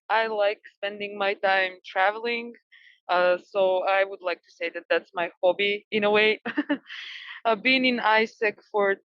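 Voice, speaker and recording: A woman's voice: mid-range voice, no room sound, lo-fi sound. A woman in her twenties, a polite and cheerful podcast guest, speaking over a video call. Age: 20s. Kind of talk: casual podcast interview.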